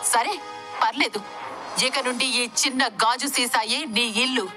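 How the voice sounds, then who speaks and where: A confident exorcist man in a storybook, as a woman narrator reads him. The voice is bright and somewhat high, and he speaks firmly and with command. Faint music plays underneath. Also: unhurried. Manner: firm, commanding. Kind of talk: audiobook story reading.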